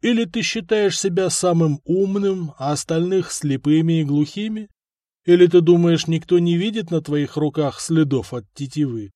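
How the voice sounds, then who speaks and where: A man voicing a cunning bearded merchant who speaks with icy, calculating calm. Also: on the high side, normal speed, no echo, studio quality, voice pushed up, lightly acted.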